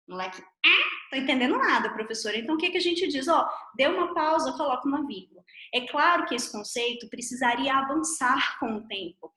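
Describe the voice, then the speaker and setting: Woman, fairly high voice, chatty grammar teacher explaining rules, recorded in a reverberant room. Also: fairly bright tone. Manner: explanatory, chatty, frequent tag questions. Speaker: Portuguese teacher. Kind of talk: online grammar lesson.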